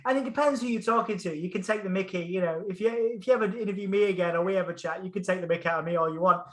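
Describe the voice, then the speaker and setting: Calling in as a podcast guest, this Hull-born man with a local Hull English accent races through a casual, enthusiastic interview chat in a high-pitched voice. He keeps repeating phrases for emphasis, and the room is echoey.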